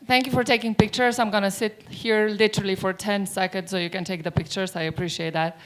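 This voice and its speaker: Giving a conference keynote, a middle-aged woman from Romania speaks at a quick pace with medium pitch and fairly even intonation. She stands on the stage of a large hall with a mic, chatty and often posing questions to the audience.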